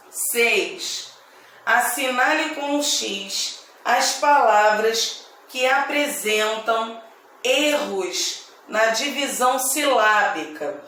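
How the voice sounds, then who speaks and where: A woman teacher with a Brazilian accent giving a grammar lesson to children, speaking slowly and deliberately and repeating each word. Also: a little high, a bit bright, recorded from a distance. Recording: echoey room, voice away from mic.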